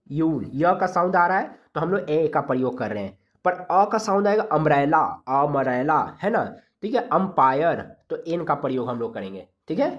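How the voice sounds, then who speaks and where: An Indian English grammar teacher preparing students for exams walks through the rules step by step. He sounds letters out slowly, checks in with the class often, and speaks at a medium pitch.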